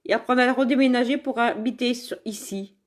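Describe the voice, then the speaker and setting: Speaking into a phone camera placed in front of her at home, a brisk, chatty woman with a slightly high voice runs a casual live makeup demonstration. She sells makeup directly, comes from around Saint-Étienne in France, rambles, laughs a lot, and addresses viewers by name.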